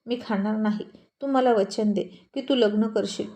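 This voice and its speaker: An ailing elderly mother speaks with stubborn reproach and pleading. A woman narrator puts her on. The tone is soft and warm. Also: mid-range voice, measured pace, close to an everyday voice. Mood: reproachful.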